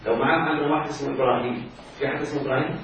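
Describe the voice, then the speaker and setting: A medium-pitched, slightly bright male voice races along with fairly even intonation. With an Egyptian accent, he teaches Arabic grammar and constantly checks whether students follow, recorded in a very echoey classroom from afar with dull sound and faint hiss.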